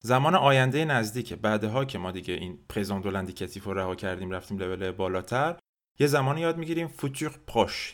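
Man, podcast French teacher, patient drilling, lowish voice. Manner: clear, patient drilling with repeat-after-me pauses. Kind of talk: podcast language lesson.

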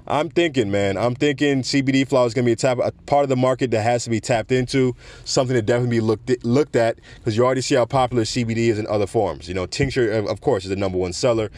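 A deep-voiced podcast host from South Florida rants on a casual solo show, talking quickly with few pauses. He projects his voice yet stays relaxed and conversational, leaning often on "you know."

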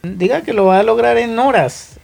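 A man's voice: extremely high pitch, normal speed, creaky, darkish tone, faint music behind. A man co-hosting a talk show, emphatic and scolding, repeating words to drive his points home. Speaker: co-host. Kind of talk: casual chat.

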